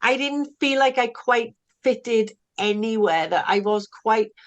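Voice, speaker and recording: On a podcast, a middle-aged Welsh-accented recovery coach from South Wales chats informally as the guest, tending to repeat words as she launches into a thought. Her voice is a little high, with lively intonation and a measured pace.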